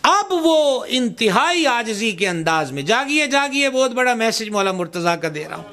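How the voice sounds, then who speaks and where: A man preaches with fervor, switching into the voices of the people in his story. His voice sits high. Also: big pitch swings, bright, forceful tone. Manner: impassioned, acts out voices in the story. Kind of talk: sermon.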